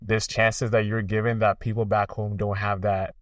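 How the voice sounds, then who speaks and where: A young adult man raised in Canada, hosting a podcast in relaxed, relatable chat full of "like" fillers. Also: on the low side, normal speed, no echo, clean studio sound, far from the mic. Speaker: podcast host. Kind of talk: casual interview conversation.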